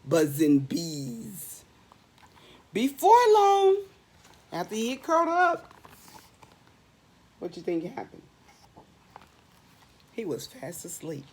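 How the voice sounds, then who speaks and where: Her voice is lowish, husky and a little mellow, its pitch swooping wildly, with a slow pace and long pauses. This middle-aged teacher reads aloud at storytime for young children, expressively asking and answering questions and stretching and repeating words for emphasis.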